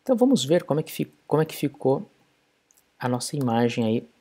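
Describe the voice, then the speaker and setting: A man's voice: medium pitch, sing-song, a little fast, mellow, slightly rough. A man explaining code step by step in a programming tutorial screencast. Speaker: programming instructor.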